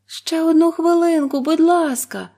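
A woman's voice: a little high, fairly even intonation, normal speed, a little mellow, pitched above the performer's own voice. A woman voicing a terrified young wife in a storybook, pleading in a raised, desperate voice.

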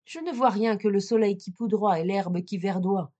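A woman voicing Sister Anne, a young woman calling down from a tower, mostly calm in a storybook reading. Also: medium pitch, normal speed, muffled recording, close to an everyday voice.

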